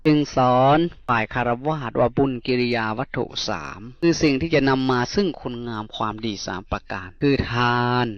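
A man's voice: medium pitch, normal speed, few pauses, muffled recording. A middle-aged Buddhist monk from Northeast Thailand with an Isan accent, giving a folksy dharma sermon and repeating key words as he tells stories. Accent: Isan Thai.

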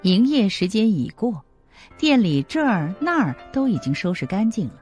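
A woman narrating an audiobook drama with steady storytelling. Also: mid-range voice, moderate pace, soft background music.

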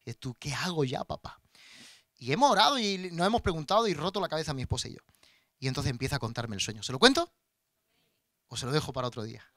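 A man's voice: fairly high pitch, very fast, dry recording, studio quality. A middle-aged man, a pastor preaching a sermon and telling personal family stories to his congregation with passion. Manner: personal, impassioned storytelling addressed to the congregation; animated, acts out voices in anecdotes.

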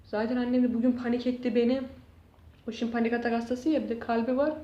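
A woman's voice: on the high side, flat delivery, quick pace, dark tone. A woman YouTuber venting in a casual vlog, exasperated and swearing as she shows damage to her room. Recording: dull, echoey room sound.

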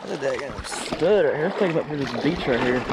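This fishing vlogger is a young man whose voice runs a little high as he chats casually and exclaims excitedly while fishing in a river. Audio comes from an action camera on his head, with rushing water in the background.

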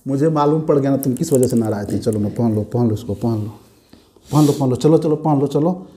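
A man's voice: mid-range voice, fairly quick, warm tone, slight background noise. A man hosting a home vlog, coaxing and soothing his wife by repeating himself over and over. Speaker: vlog host. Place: home room.

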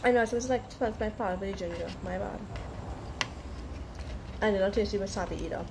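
A woman's voice: mid-range voice, a little fast, vocal fry, noisy background. A young woman reviewing food in a casual, chatty way while chewing mid-bite.

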